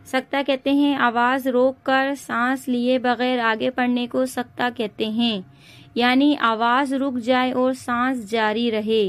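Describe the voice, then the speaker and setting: Lady quran teacher w/ urdu accent, high voice, drawn-out slow syllables. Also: flat delivery. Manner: spells syllables out slowly, repeating each; addresses listeners as sisters. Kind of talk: slow recitation lesson.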